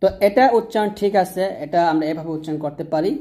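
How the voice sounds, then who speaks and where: A woman with a Bangladeshi Bengali accent teaching Arabic letter pronunciation, patiently repeating each sound slowly. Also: on the low side, mellow. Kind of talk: explaining letter by letter.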